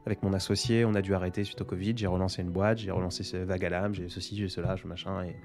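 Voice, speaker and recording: Soft music plays behind a fast-talking young man whose first language is French, as he responds to viewers' comments in a casual live Q&A. His low, level, slightly mellow voice wanders through lots of fillers, hesitations and self-mocking jokes.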